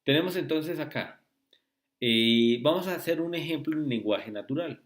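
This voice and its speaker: A man tutoring logic in a screen-recorded lesson, speaking slowly and often checking with "¿sí?" and "¿listo?". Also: fairly high pitch, lively intonation. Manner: slow, repetitive, asks rhetorical checks.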